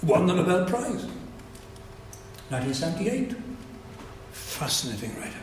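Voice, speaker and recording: At a society event in a lecture hall, an older Welsh man with a Welsh accent, a native speaker of Welsh, gives a reflective public lecture with many restarts. His voice sits high and is very animated, at normal speed. The recording is echoey, with a little hiss or hum.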